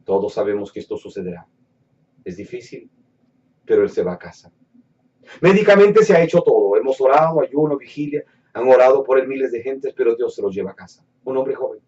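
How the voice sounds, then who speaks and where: A man preaching a sermon, earnest, dropping to hushed low phrases and rising to emphatic declarations. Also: expressive, brisk. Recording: muffled, somewhat distant mic.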